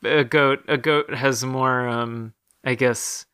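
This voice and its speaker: Podcast co-host, male, bright and forceful tone, dry close sound, rambling casual delivery. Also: medium pitch, steady tone, slow, clear, resonant tone, no room sound. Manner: chatty, frequent fillers and restarts. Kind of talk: casual film discussion.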